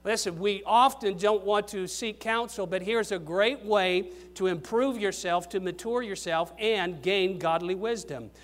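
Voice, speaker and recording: Older man preaching, high voice, emphatic rises and soft drops, grandfatherly pulpit style. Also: unhurried, few pauses. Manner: emphatic, rising on key questions then dropping low. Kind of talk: sermon.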